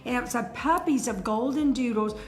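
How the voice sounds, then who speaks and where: With a voice on the high side and a slightly fast delivery, this middle-aged co-host of a breeder's live chat spins stories with emphatic energy in a casual, animated way.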